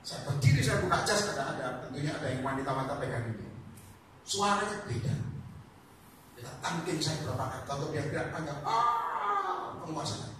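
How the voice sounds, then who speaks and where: A man's voice: fairly high pitch, quick pace. A man preaching as an evangelist at a home prayer meeting, telling stories animatedly and calling out to his listeners. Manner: animated storytelling, addresses listeners as brothers. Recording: echoey room, distant mic, noisy.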